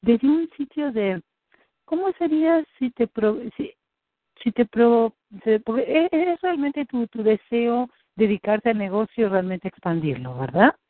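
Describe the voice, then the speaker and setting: A woman's voice: a little high, big pitch swings, a little slow, dry recording. A woman coaching a client, encouraging and explaining with many restarts. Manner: encouraging, many restarts, acts out her own thoughts. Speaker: business coach. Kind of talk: coaching conversation. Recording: tinny phone-like call audio.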